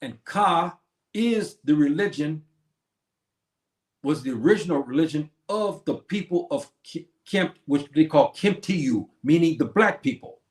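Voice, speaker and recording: A somewhat slow, slightly mellow man with an animated, high-leaning voice hosts a stream from a roomy-sounding space. He lectures on history like a preacher, asking questions and answering them himself.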